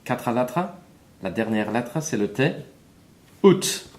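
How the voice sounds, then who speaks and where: A man's voice: mid-range voice, big pitch swings, takes it slowly, darkish tone. A man teaching a French lesson, spelling words letter by letter and repeating each one for learners.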